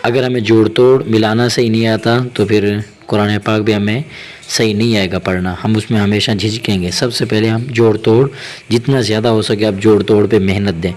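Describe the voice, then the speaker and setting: Male Quran teacher for a lesson video: brisk explanations, slow and drawn-out spelling of the syllables. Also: lowish voice, steady tone, a little mellow.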